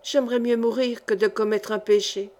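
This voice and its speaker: A woman's voice: fairly high pitch, fairly even intonation, moderate pace, darkish tone, natural voice. A woman reading a shy pious young girl. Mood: earnest. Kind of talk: audiobook character reading.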